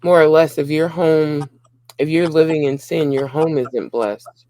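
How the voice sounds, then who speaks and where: A man's voice: fairly high pitch, steady tone, unhurried, mellow. A man co-hosting a casual relationship talk, speaking earnestly in short repeated phrases. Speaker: co-host of a relationship channel.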